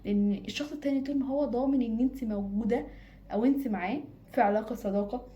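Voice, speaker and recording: A woman's voice: on the high side, quick pace, mellow. A woman with an Egyptian Arabic accent giving casual advice straight to her own camera, emphatic and repeating phrases for stress. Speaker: advice vlogger. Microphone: self-filmed camera.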